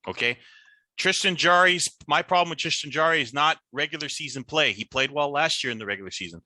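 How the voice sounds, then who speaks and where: A man hosting a casual sports picks podcast, talking in an animated way with a lot of teasing trash talk. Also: on the high side, fairly quick, no room sound. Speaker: podcast host.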